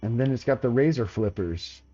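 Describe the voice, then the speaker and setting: A man's voice: mid-range voice, expressive, moderate pace, warm tone, highs cut off. A man giving casual gameplay commentary as a streamer, laid-back and chatty, slangy, talking to his chat. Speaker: game streamer.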